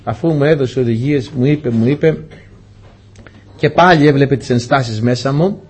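A man's voice: medium pitch, a little mellow, slightly rough. A man preaching a testimony sermon, telling his story earnestly and often turning to address the congregation as dear brothers.

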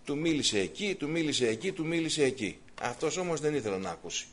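A man preaching a sermon, swinging from loud exhortation to quiet asides, with repeated rhetorical questions. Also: fairly high pitch, lively intonation.

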